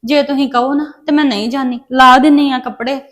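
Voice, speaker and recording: A woman's voice: sits high, steady tone, fairly quick, a bit bright. A young woman playing a meek daughter-in-law who pleads and apologizes to her mother-in-law. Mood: pleading.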